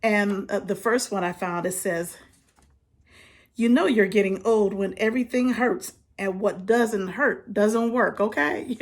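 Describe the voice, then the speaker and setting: A woman in her fifties chatting casually to her viewers, laughing often as she talks. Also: mid-range voice. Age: 50s. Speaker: vlogger. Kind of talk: casual chat to camera.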